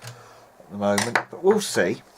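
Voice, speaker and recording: Speaking at a measured pace in a lowish voice, a male presenter who restores radios as a hobby comments informally at his workbench. He's hesitant and thinks aloud, with clear, steady background noise behind him.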